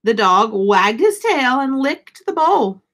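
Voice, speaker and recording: A teacher in her thirties sits in a small indoor room reading a picture book aloud to young listeners, full of expression and dramatic emphasis. Her voice is high and fairly bright, moving slowly with big swings in pitch.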